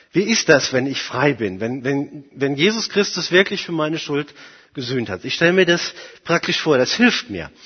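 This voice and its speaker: Guy preaching in a big echoey hall, dull sound, lively pitch swings. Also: husky. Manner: emphatic, swinging from soft to loud. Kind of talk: sermon.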